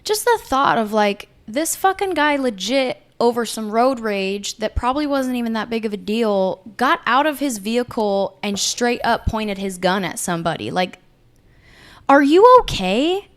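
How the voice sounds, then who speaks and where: A young woman with a fairly high voice tells a story in a loose, chatty way. She swears a lot and packs her sentences with "like". Her pitch jumps around as she acts out each moment. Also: normal speed, few pauses. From Las Vegas area. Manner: profane, animated, lots of "like" fillers. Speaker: podcast co-host. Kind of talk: casual storytelling.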